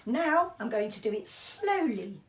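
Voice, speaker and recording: A woman's voice: a little high, big pitch swings, unhurried. A woman giving an informal mindfulness lesson, chatting in an encouraging, self-deprecating way as she explains and demonstrates. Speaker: mindfulness and breathing teacher. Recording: roomy echo, distant microphone.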